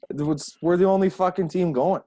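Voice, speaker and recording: A man's voice: sits high, mellow, a little hiss or hum. A man from Alberta, Canada, a guest hockey player, telling rambling stories in casual podcast chat and swearing constantly.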